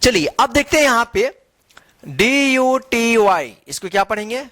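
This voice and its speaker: An English teacher with a high-pitched, sing-song voice leads a phonics lesson, spelling each word letter by letter and then reading it aloud. Unhurried and a bit bright, he patiently has the class repeat after him, recorded close and dry with no echo.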